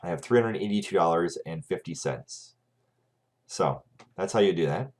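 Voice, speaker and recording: A man's voice: low-pitched, animated, moderate pace, darkish tone. A man teaching a math lesson over a screencast, talking through each calculation step by step and often checking in with "right?".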